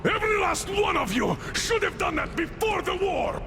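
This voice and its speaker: An actor playing a furious captive army colonel who shouts threats, in a video game. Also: male voice, extremely high pitch, very animated, slow pace, in a large hall, background noise, full character voice. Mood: enraged. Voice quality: gravelly, shouting.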